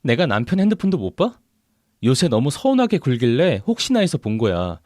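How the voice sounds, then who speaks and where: A man's voice: huge pitch swings, fairly quick, dry recording, studio quality. A man voicing a furious betrayed wife who hurls accusations in a radio drama. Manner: shouting, high-pitched outbursts.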